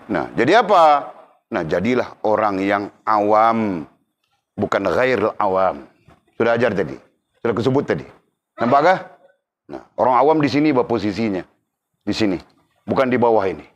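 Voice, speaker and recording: A middle-aged man teaching a religious class, speaking emphatically and often checking that his students understand. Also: mid-range voice.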